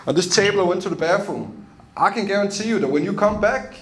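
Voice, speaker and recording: A young Danish man with a Danish accent does a loose, chatty stand-up set on a club stage, laughing at his own jokes. His voice is high, expressive and a bit bright, and he talks fast.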